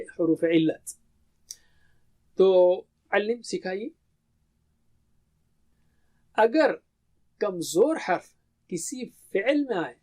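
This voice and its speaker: A man's voice: fairly high pitch, a little mellow. Urdu-speaking man lecturing on Arabic grammar. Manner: explains step by step, asks and answers own questions. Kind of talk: classroom lecture on Quranic grammar.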